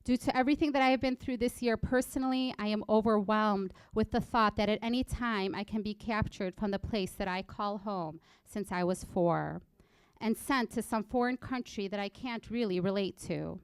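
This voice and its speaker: A nineteen-year-old student born in Egypt and raised in Illinois reads a prepared personal story at a college library event. Her medium-pitched, smooth voice comes across earnest and measured, with no room sound.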